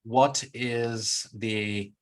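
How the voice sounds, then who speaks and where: Podcast host guy, kinda low voice, asks questions, says yeah and mm a lot. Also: fairly even intonation, very slow. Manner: brief encouraging interjections and questions. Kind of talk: casual interview chat.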